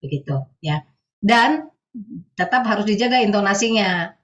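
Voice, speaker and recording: A woman giving a webinar talk as a guest speaker on counseling. She explains patiently and often adds soft tag phrases at the ends of her sentences. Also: mid-range voice, lively intonation, moderate pace, highs cut off.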